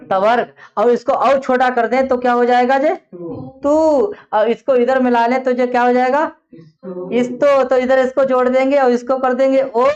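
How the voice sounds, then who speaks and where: Woman teacher quizzing and answering herself. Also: dull audio. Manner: asks questions and answers them herself, drops low and soft on the answers. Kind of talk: classroom grammar lesson.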